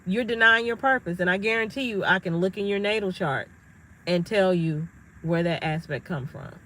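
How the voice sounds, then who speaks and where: A middle-aged woman speaks straight to her viewers in an emphatic, storytelling manner. Her voice is bright and forceful, with a faint hiss of noise under it. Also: medium pitch, normal speed, low-quality recording. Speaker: astrology vlogger. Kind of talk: casual monologue to viewers.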